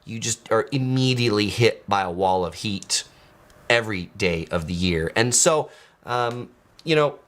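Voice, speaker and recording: A chatty travel vlogger from San Diego, California, reads viewer comments during a casual live stream. His lively American voice is fairly low and a little slow, and his loose delivery is full of filler words.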